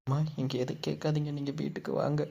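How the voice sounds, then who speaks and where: A man voicing a dutiful son-in-law in a cartoon, soft and coaxing. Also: on the high side, little pitch movement, quick pace, gravelly. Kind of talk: Tamil cartoon dubbing. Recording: music bed under voice.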